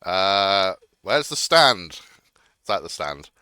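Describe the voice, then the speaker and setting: Animated low-voiced man playing judge. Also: slow, clean tone, no echo. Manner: cheerful, theatrical, animated. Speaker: judge in a game role-play. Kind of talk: playful role-play chat.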